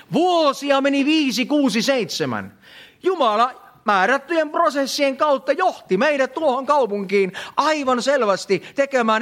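A man's voice: high-pitched, fairly bright tone. A middle-aged man preaching a sermon in church, emphatic, repeating phrases and calling the congregation friends.

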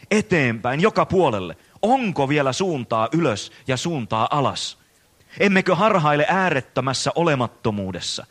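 A man's voice: mid-range voice, fairly bright tone, voice pushed up. Man reads aloud as an anguished, frantic madman, a storybook figure, piling up dramatic questions. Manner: impassioned dramatic reading, rising rhetorical questions. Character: frantic madman crying out that God is dead.

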